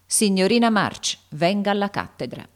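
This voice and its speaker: A woman reading aloud and voicing an irritable older male schoolteacher who gives orders in a booming, commanding voice. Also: big pitch swings, normal speed. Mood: stern, scolding. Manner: stentorian, commanding.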